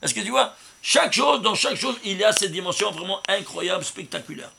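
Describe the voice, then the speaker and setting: Man, rabbi, Torah commentary, high-pitched, gravelly, emphatic, rhetorical questions. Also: lively intonation, brisk, noisy background. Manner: asks the listeners rhetorical questions; emphatic, stresses words loudly. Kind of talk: Torah commentary with number interpretation.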